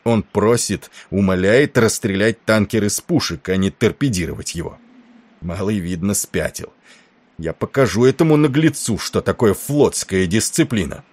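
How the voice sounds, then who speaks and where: A man's voice: fairly low pitch, animated, moderate pace, dry recording, pitched above the performer's own voice. A man voicing a furious middle-aged naval first officer who barks orders and curses. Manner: shouting, barking orders.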